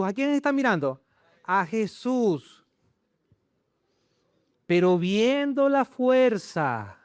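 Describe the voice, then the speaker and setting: A man preaching a sermon in church, animated and full of rhetorical questions to the congregation. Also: very high-pitched, dry recording. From Chile. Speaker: pastor.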